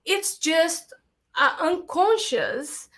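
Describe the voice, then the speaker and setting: A woman from America, a guest telling stories about her career in lively casual chat. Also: very high-pitched, extremely slow. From Latin America. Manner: animated storytelling, acts out her own past thoughts in quotes. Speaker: guest filmmaker.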